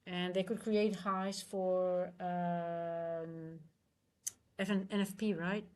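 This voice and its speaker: Here a Dutch woman from the Netherlands, speaking her native Dutch accent, runs a live trading stream. She muses out loud in a casual, stop-start way, her voice lowish and her tone level.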